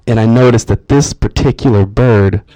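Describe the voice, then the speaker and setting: Young man doing animated stand-up. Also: medium pitch, normal speed, dry recording, rough recording. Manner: animated storytelling, acts out his own panicked voice. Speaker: stand-up comedian. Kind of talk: stand-up comedy set. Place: comedy club stage.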